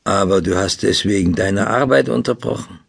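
A man voicing a gentle eighteen-year-old village girl in an audiobook, speaking softly and quietly in a gravelly, husky voice. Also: on the low side, normal speed, heavily acted. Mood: soft grateful. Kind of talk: audiobook dialogue.

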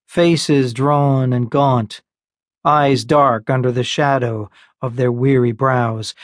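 A man narrating an audiobook in a measured, unhurried storytelling manner, recorded close on a studio mic. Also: medium pitch, no room sound. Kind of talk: scripted narration.

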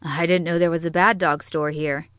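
Woman reading a teasing young woman, low-voiced. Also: fairly even intonation, moderate pace, fairly bright tone, dry recording.

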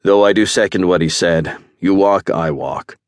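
A man voicing a blunt, wry male warrior with a forceful way of talking. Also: low voice, moderate pace, dry recording, clean studio sound, natural voice. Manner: blunt, snorting.

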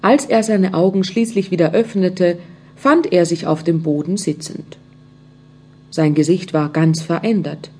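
A woman narrating a children's storybook audiobook, speaking gently and addressing young listeners directly. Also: lowish voice, a little slow, slightly rough.

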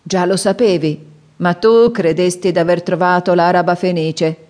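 Booming, bitter old father in an audiobook, read by a woman, pitched up and loud. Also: steady tone, normal speed, close to an everyday voice. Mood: gruff, scolding. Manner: booming, scolding, sighing. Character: gruff aging widower father, loud, bitter, mocking.

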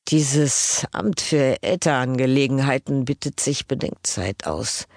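A woman reading the part of a fanatical older Prussian general whose speech is slurred and indistinct, slow and commanding. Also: a bass voice, darkish tone, no room sound, studio quality, heavily acted. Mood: cold, contemptuous.

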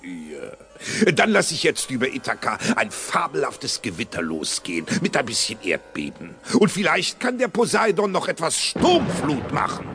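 A man's voice: huge pitch swings, moderate pace, bright, forceful tone, full character voice. An actor voicing Zeus, a grumpy blustering king of the gods, in a radio play. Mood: grumbling, gleeful. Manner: gruff, grumbling, theatrical swoops in pitch.

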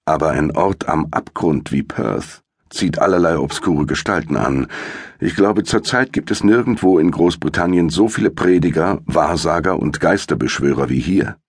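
A loud, blustering greying doctor, as a man reads him in an audiobook, talks with a booming, urgent edge. The voice sits extremely low with a husky grain. The recording is dry and close. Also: moderate pace, dry recording, exaggerated voice. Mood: serious. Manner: uneasy and urgent.

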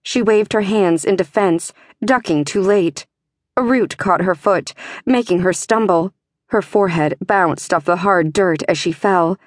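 A woman narrating a fantasy audiobook in a measured, tense way. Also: lowish voice, no room sound, studio quality.

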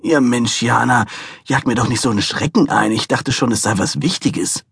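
A man's voice: mid-range voice, normal speed, gravelly, fairly bright tone, slightly rough, no room sound, full character voice. A man playing a sleepy, flustered expectant father woken in the night, exasperated.

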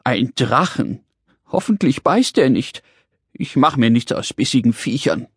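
A shrill, excitable tiny pink creature. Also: male voice, a little slow, slightly rough, no echo, studio quality, heavily acted. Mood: fussy. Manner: chattering nonstop, whiny and fussy. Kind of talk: children's audiobook character voice.

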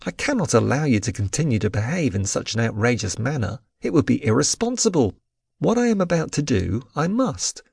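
Man doing a stern warrior, authoritative, gravelly voice, dry sound, audiobook. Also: medium pitch, very animated, a little mellow, dry recording, full character voice. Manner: firm, measured, authoritative. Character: stern, commanding young male warrior. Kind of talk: audiobook character voice.

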